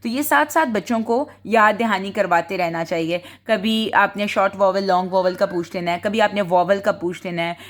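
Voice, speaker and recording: A woman, explaining spelling rules to parents in a home-schooling lesson and mixing English words into her talk. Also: medium pitch. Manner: slow, explanatory, mixes English words into Hindi.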